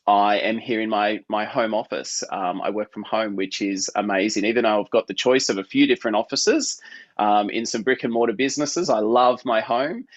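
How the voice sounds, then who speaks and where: A man's voice: lowish voice, dull audio. A man from New South Wales with an Australian accent, a guest chatting upbeat and casually from his home office over a video call, with plenty of filler words. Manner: upbeat, chatty, many fillers like "look" and "hey". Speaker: guest entrepreneur. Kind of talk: casual interview chat.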